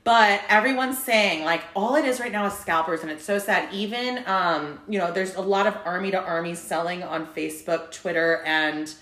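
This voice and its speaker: A woman's voice: lowish voice, normal speed, hardly any pauses, a bit bright, roomy sound. A woman co-hosting a casual chat, talking in a loose, chatty way with lots of "like" and casual swearing. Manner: chatty, heavy use of "like", swears freely.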